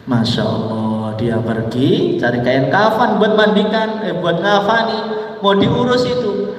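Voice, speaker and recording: A man preaching a sermon as a lively storyteller, chanting Arabic phrases in a drawn-out singsong. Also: sits high. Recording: echoey hall, distant mic, faint hum.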